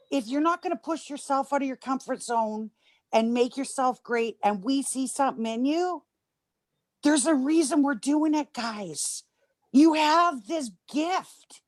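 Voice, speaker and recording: A woman's voice: high voice, lively intonation, unhurried, no room sound. A woman giving an emphatic, gushing testimonial on a video call, at times choked up. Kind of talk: emotional testimonial.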